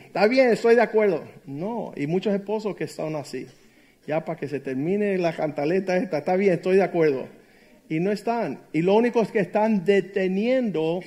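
A middle-aged man preaches in a high-pitched voice, mixing firm emphasis with jokes. He tells his stories warmly and acts out the people in them. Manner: emphatic, jokey storyteller who acts out quotes. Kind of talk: sermon with personal stories.

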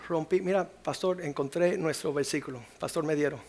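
A man preaching as a pastor, dropping to whispers and rising to loud acted quotes. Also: fairly high pitch, fairly quick. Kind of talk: sermon.

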